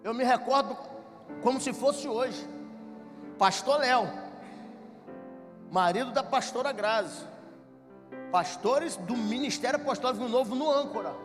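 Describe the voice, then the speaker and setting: A Brazilian man, a pastor, telling jokey stories in a sermon that builds to shouted preaching in a church. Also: extremely high pitch, measured pace, pauses often. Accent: Brazilian Portuguese. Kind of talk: sermon with storytelling. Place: church hall. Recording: reverberant church hall with music.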